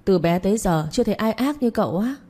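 A woman's voice: medium pitch, animated, quick pace, mellow, close to an everyday voice. A woman voicing a bold, mischievous young wife who scolds her husband. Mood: scolding. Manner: scolding, indignant.

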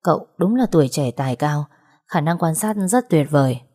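A senior male police officer dictates crime-scene details in a brisk, low, mellow voice, as a woman narrator reads him. He sounds matter-of-fact. It is audiobook storytelling. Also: lively intonation.

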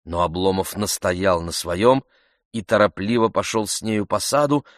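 A man calmly narrating a classic novel as an audiobook. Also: low-pitched, normal speed, no room sound, clean studio sound. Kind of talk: scripted narration.

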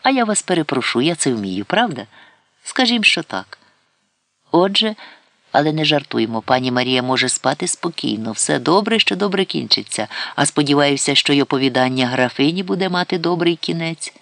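A man's voice: a little high, animated, normal speed, vocal fry, a bit bright, no room sound. A man voicing a genial, talkative male doctor who teases and consoles in a playful way, read as an audiobook character. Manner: playful, teasing and then consoling.

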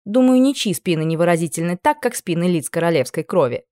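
A woman narrating a first-person novel in a lively, ironic manner. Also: on the low side, fast talker, no room sound, studio quality. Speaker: audiobook narrator.

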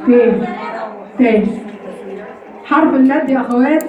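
Egyptian woman, recitation teacher, high voice, patient step-by-step explaining, roomy and distant sound. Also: normal speed, dull audio, crowd noise. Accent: Egyptian Arabic. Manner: explains step by step, keeps checking if students follow. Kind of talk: classroom lesson on recitation rules.

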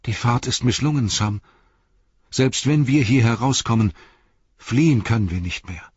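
A man's voice: medium pitch, lively intonation, normal speed, slightly rough, no room sound. A man reading an audiobook, voicing a frightened, worn-down young male hobbit who flares up in anguish, in a dull, dry recording. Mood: despairing. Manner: anguished, flaring to shouting.

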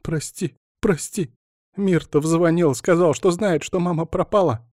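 A man voicing a frantic, tearful young woman who pleads and bosses others in a high, shrill voice. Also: lively intonation, normal speed, mellow, no echo, studio quality, natural voice. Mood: tearful pleading. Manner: shrill, pleading, breaking into sobs. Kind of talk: audiobook character voice.

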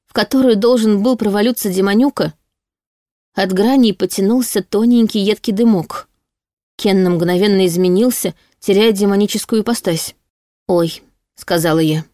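A woman reading a first-person fantasy audiobook aloud in a lively, expressive way. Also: mid-range voice, moderate pace, no echo, clean studio sound. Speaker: audiobook narrator.

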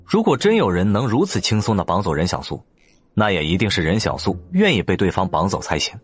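A man narrating an audiobook in an expressive storytelling manner. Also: low voice, brisk, husky, no room sound, faint music behind. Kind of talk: scripted narration.

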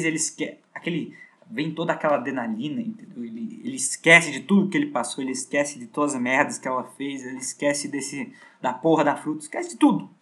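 A man's voice: mid-range voice, a bit bright. Slangy man retelling a book. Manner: slangy, profane, repetitive fillers. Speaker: podcast host.

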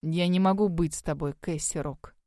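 A brooding young werewolf man from an audiobook, voiced by a woman narrator. His lines come out low and hushed, clipped and muttered through clenched teeth. The voice stays dry and close, with no room around it. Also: steady tone, moderate pace, dry recording, close to an everyday voice. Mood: curt. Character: brooding young male werewolf, curt and grim.

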